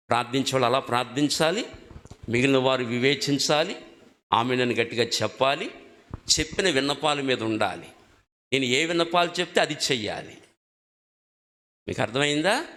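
A man's voice: medium pitch, sharp tone. A male preacher giving a sermon, emphatic, putting questions to the congregation and repeating key words. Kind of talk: sermon teaching on prayer. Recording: long hall reverb.

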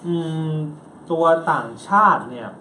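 A man's voice: medium pitch, measured pace, sharp tone, slight background noise. A man co-hosting a football talk show, giving opinionated analysis in casual chat. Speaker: co-host and football pundit. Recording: roomy echo, faint ambience.

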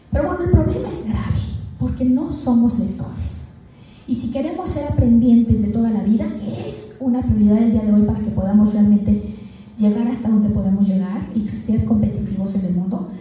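A woman's voice: sits high, slight background noise. Mexican lady presenting to teachers, recorded far off in a big echoey hall, faint music behind. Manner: animated, rhetorical questions to the audience. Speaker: education speaker. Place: large event hall.

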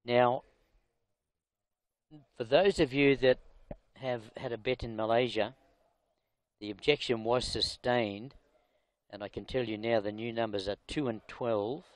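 A man calling a horse race replay, brisk and informal, lifting his voice on the horses' names. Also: medium pitch, fairly even intonation, dry recording, rough recording. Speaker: race caller. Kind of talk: horse racing commentary.

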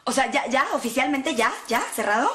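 A very high, bright, piercing voice: a spoiled, dramatic teenage rich girl from a telenovela. She speaks, whiny and tearful. A faint hiss sits under the voice. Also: moderate pace. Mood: indignant. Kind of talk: telenovela acting.

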